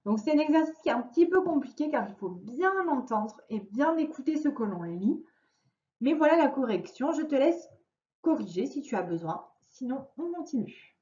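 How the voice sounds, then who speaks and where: A woman teacher giving a slow, clearly spoken lesson to children, stretching out each word. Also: sits high, big pitch swings, dark tone. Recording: echoey room, dull lo-fi sound.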